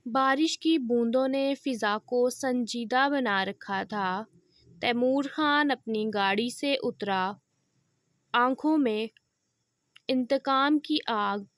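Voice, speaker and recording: A woman narrating a romance audio novel in a calm, measured storytelling manner, greeting her listeners first. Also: on the high side, dry recording, clean studio sound.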